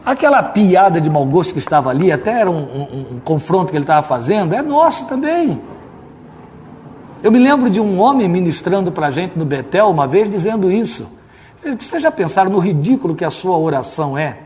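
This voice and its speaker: A Brazilian pastor with a somewhat high voice teaching a Bible study. He talks to the congregation in an easy, conversational way. He slips into mock-solemn prayer voices to poke fun at them. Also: very animated, fairly quick, darkish tone, a little hiss or hum. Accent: Brazilian Portuguese. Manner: conversational, mimics stiff pompous prayer voices.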